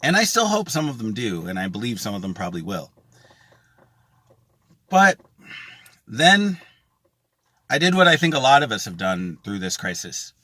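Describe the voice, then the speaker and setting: A man's voice: on the low side, sing-song, fast, hardly any pauses, pushed and bright, no room sound. A man speaking casually and earnestly to his viewers as a music festival vlogger, with emphatic phrasing. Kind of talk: casual to-camera vlog.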